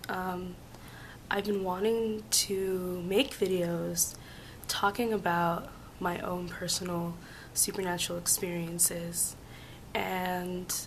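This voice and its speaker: A woman vlogging casually about personal experiences in a halting way, hoarse and sick, her voice giving out into whispers. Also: on the low side, a little hiss or hum, poor audio. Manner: halting, hesitant, with long pauses. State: sick with flu and laryngitis. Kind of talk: casual personal storytelling to camera.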